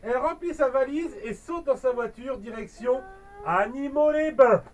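A man's voice: extremely high pitch, normal speed, far from the mic. A man reading a children's story aloud, breaking off for jokey asides to his listener.

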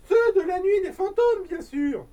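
A woman voicing a worried, loving mother in a storybook, exclaiming in a breathless high voice, recorded on a distant mic. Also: expressive, unhurried, mellow, dull audio. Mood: anxious.

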